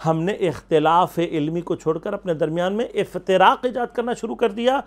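A man delivers a Quran commentary lecture in a fairly high voice. He explains the verses patiently, asking rhetorical questions and answering them himself, and he quotes Arabic verses along the way. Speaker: religious scholar.

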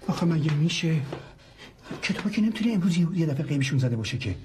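A man's voice: fairly high pitch, expressive, a little mellow, slight background noise, lightly acted. An actor playing a shopkeeper father, called home, who anxiously questions his wife about missing books in a broadcast drama. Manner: urgent, questioning. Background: music.

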